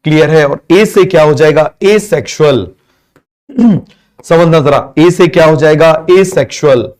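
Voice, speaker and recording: A man's voice: a little high, unhurried, a little mellow. A male teacher giving a biology class, asking constant questions, having students repeat answers, and mixing English terms into Hindi.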